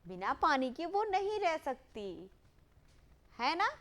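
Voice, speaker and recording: Slow, high-pitched, lively woman teacher. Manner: call-and-response prompting, drawn-out repeated words. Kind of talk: classroom lesson for young children.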